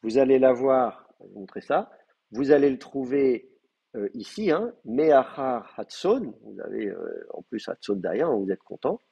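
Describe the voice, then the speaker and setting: A man lectures a live class, working through grammar points patiently with frequent pauses and fillers. His voice is husky and slightly breathy. The recording is dull and lo-fi. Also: medium pitch, lively intonation, mellow. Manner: hesitant, many fillers, explains step by step. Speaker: Hebrew teacher.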